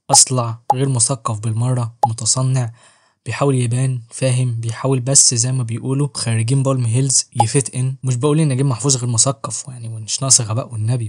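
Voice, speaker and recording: Egyptian male book vlogger, quick banter, mid-pitched, jokey and slangy. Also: slightly rough. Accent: Egyptian Arabic. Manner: joking, slangy, self-mocking. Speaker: book reviewer and channel host. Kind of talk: casual book review vlog.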